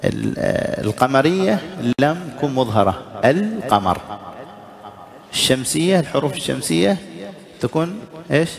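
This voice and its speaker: A man teaching a recitation lesson as a sheikh, explaining each error, chanting the examples slowly and putting short questions to the listeners. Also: mid-range voice, animated, gravelly, crowd noise. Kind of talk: religious lesson.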